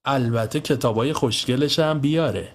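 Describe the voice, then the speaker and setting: A man's voice: medium pitch, voice pushed up, natural voice. A man voicing a bossy, rude boy who acts as the leader of the group and barks orders with scorn. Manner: loud, scornful, bossing others.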